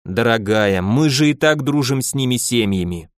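A man's voice: medium pitch, lively intonation, normal speed, dry recording, studio quality, lightly acted. A man voicing a timid henpecked nobleman who pleads with his wife in a plaintive, sighing way. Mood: pleading. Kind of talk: audiobook character voice.

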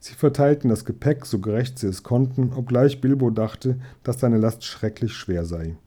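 Male audiobook narrator, calm and steady storybook reading, very dark mellow voice. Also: medium pitch, moderate pace. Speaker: audiobook reader.

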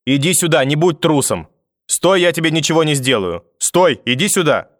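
A man's voice: mid-range voice, fast, no echo, studio quality, close to an everyday voice. A man voicing a hysterical, furious old grandmother who screams threats and wails prayers. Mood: threatening.

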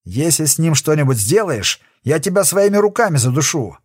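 A tough ex-commando convict speaks in a firm, commanding voice, as a male audiobook reader puts him on. The delivery is lively in pitch and close and dry. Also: normal speed, breathy edge, no echo. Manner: firm, threatening.

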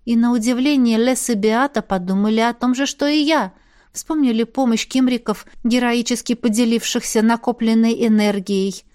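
A woman narrating a first-person fantasy audiobook in an even, expressive storytelling manner. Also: fairly high pitch, moderate pace.

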